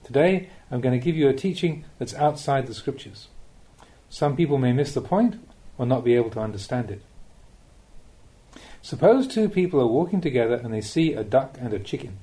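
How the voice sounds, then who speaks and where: A male narrator reads Buddhist teachings for an audiobook of a spiritual talk. His tone is soft and mellow, his pitch moves with animation, and he delivers the material in a measured, teacherly way.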